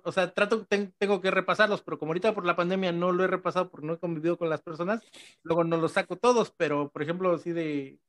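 Middle-aged man with a Mexico City accent, fairly high voice, animated talker who acts out little scenes in other voices. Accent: Mexico City Spanish. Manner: animated, acts out quoted dialogue. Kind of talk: casual conversation.

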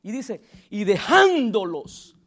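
A man with a strikingly high voice preaches in a church service. He keeps calling on the congregation to say phrases back to him and breaks into chuckles between points. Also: sing-song, slow pace, fairly bright tone. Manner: calls on the congregation to repeat after him and respond; chuckles often and jokes with listeners. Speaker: pastor. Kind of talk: lively church sermon.

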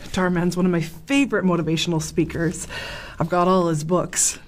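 A woman's voice: lowish voice, level tone, moderate pace, a little hiss or hum, lightly acted. An actress playing a friendly, apologetic woman who stammers and is eager to please. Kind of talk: scripted skit acting.

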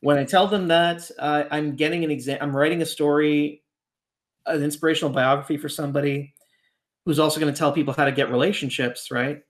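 A man's voice: a little high, fairly even intonation, brisk. A man raised in Canada, a ghostwriter talking as a podcast guest, reflective and winding, often checking in with "right?". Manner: reflective, rambling, keeps asking "right?". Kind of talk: casual podcast conversation.

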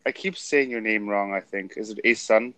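A man's voice: on the low side, normal speed, bright, forceful tone, no echo. A man hosting a casual live conversation in a friendly, enthusiastic and loosely rambling way. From Germany. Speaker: live talk host. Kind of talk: casual chat.

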